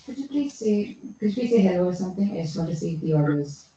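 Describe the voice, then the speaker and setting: A woman's voice: on the low side, lively intonation, quick pace, mellow. A woman hosting a club meeting, chatty and teasing as she calls on people. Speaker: meeting host. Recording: echoey room, far from dull mic.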